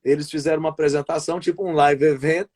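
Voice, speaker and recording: Over a video call on a live stream, a Brazilian man who commentates and calls play-by-play for wrestling spins long stories in a relaxed interview. He talks fast in a voice that sits a little high for a man. His speech rambles with frequent restarts, and he tacks "né" and "sabe" onto his sentences.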